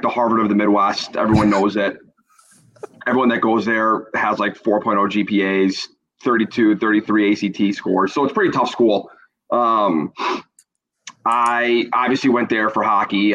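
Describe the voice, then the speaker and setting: A man's voice: lowish voice, fairly bright tone, a little hiss or hum. An American man as a podcast guest, chatting casually with sarcastic, self-deprecating humour. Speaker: podcast guest, youth hockey coach. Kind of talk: casual anecdote and banter. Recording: slightly dull, lo-fi audio.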